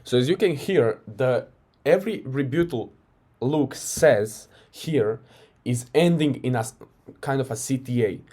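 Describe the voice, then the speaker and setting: A Croatian-accented man coaches by casually walking through a recorded sales call, keeping it loose and conversational and often tagging "right?". His voice sits at medium pitch with lively intonation, a measured pace, and a warm tone.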